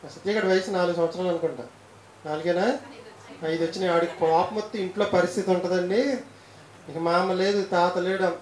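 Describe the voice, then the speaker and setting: A man's voice: high voice, fairly even intonation, brisk, pauses often. Man teaching a Bible lesson, echoey. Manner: repetitive, asks questions of listeners. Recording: roomy echo.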